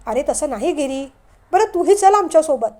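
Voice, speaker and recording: A woman's voice: high voice, lively intonation, normal speed, mellow. A woman voicing a shy, sweet young woman about to marry. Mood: flustered.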